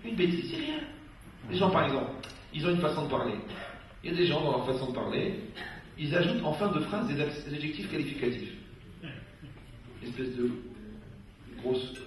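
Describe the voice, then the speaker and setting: A man's voice: on the high side, moderate pace, long pauses. A rabbi giving a humorous talk to a dinner audience, telling stories and acting out the people he quotes. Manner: lively storyteller, acts out quoted people. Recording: echoey hall, distant mic, faint noise.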